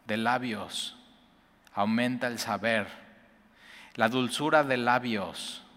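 A man preaching an earnest sermon, repeating words and rising in pitch to stress his points. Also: pushed and bright. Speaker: pastor. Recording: long hall reverb.

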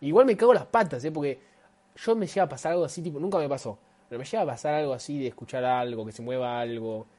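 A man's voice: mid-range voice, fast talker, a little mellow. A man co-hosting a casual podcast with friends, speaking, joking and laughing often. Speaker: podcast co-host. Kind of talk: casual banter among friends.

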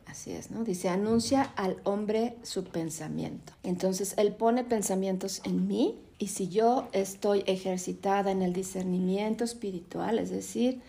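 A middle-aged woman with a Mexican accent teaching a Bible class, an animated storyteller who keeps asking "¿no?". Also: mid-range voice, moderate pace, vocal fry, few pauses. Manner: animated storyteller, tags lines with "¿no?".

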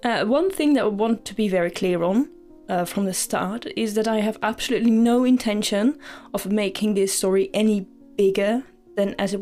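A woman's voice: medium pitch, dark tone. A woman hosting a storytelling podcast, earnest and hesitant, with many fillers and restarts. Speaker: podcast host.

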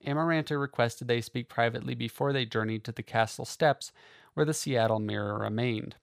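Male audiobook narrator, gravelly, mid-pitched, dry close reading, measured. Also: dry recording. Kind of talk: scripted fantasy novel narration.

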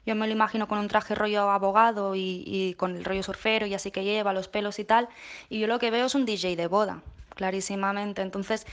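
A woman guest giving a playful, rambling, deadpan comic answer. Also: medium pitch, brisk. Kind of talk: recorded comedic answer.

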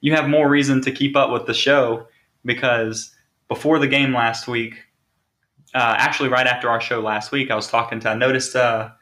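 A man's voice: mid-range voice, steady tone, moderate pace, pushed and bright. A man hosting a sports podcast, talking casually and driving points home with rhetorical questions. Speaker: podcast host.

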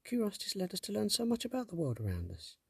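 A man voicing a tiny, fearful female fairy sprite who begs and pleads in a high voice. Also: huge pitch swings, fast talker, gravelly, breathy edge, no room sound, clean studio sound, exaggerated voice. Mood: pleading.

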